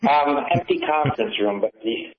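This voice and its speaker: Tinny phone-line caller, a man. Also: on the low side. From Michigan. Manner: halting, restarts mid-sentence. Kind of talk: casual call-in storytelling. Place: empty conference room. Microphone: smartphone speakerphone. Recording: tinny distant speakerphone call.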